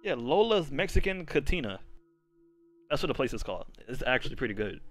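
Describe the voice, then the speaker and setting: A man's voice: medium pitch, big pitch swings, fairly quick. Casual young male streamer. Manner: loose, joking, reacts loudly to the game. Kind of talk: casual live-stream commentary while gaming.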